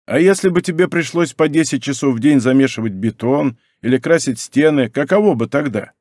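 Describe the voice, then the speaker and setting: A man reading aloud plays a good-natured Czech laborer with missing teeth, whose speech comes out softened and faintly lisping. He talks plainly and earnestly, at an everyday pitch, recorded close and dry with no room sound. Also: fairly quick, no room sound, close to an everyday voice. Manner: softens consonants, slight lisp.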